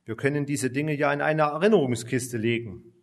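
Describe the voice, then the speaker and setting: A man voicing a gentle mother speaking thoughtfully to her son in a children's storybook reading. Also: medium pitch, moderate pace, creaky, close to an everyday voice.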